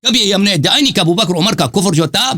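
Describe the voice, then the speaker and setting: A man's voice: high-pitched, expressive, bright, forceful tone. A man in a heated live religious debate, insistent, repeating himself and pushing on over interruptions. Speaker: religious debater and channel host.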